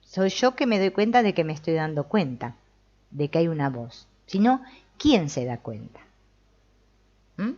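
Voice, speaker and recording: A woman's voice: sits low, very animated, unhurried, pauses often, a little mellow, highs cut off. A woman giving a reflective spiritual talk, commenting on a text she reads and asking the listener questions. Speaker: spiritual teacher.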